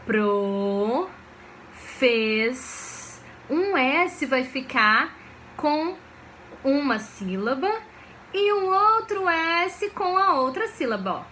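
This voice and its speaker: A woman teacher, giving a video lesson for children in a slow, patient way and often checking that they follow. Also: extremely high pitch, very animated, sharp tone, slight background noise. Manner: slow, patient, checks understanding with frequent questions.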